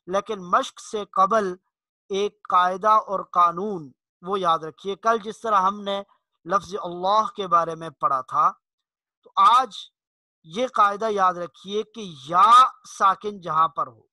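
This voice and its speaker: A middle-aged man teaching Quran recitation, explaining rules in a plain lesson voice and chanting verses slowly. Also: high voice, pushed and bright, no room sound.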